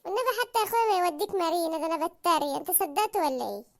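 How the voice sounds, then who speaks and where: A woman's voice: very high voice, lively intonation. A woman voicing a nagging, thrifty housewife in a cartoon, with an Egyptian accent and a sarcastic, scolding manner. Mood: mocking. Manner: scolding, sarcastic, quick retorts. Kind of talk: cartoon comedy voice acting.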